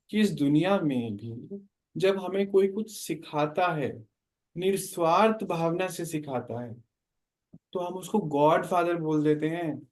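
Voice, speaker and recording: A man's voice: a little high, darkish tone. A man teaching a spiritual class, explaining and often asking his listeners questions.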